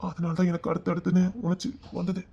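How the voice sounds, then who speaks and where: Guy doing an ashamed hotheaded young village man, high voice, agitated. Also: monotone, quick pace, gravelly, dark tone, breathy edge, highs cut off, exaggerated voice. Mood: ashamed, frantic. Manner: agitated, self-reproaching outbursts. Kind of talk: village drama acting.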